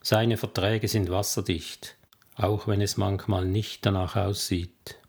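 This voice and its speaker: A man's voice: lowish voice, little pitch movement, slow, a little mellow, breathy edge, full character voice. A man reading a confident, dismissive businessman. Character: self-assured middle-aged businessman, loyal to friends. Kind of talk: audiobook character reading.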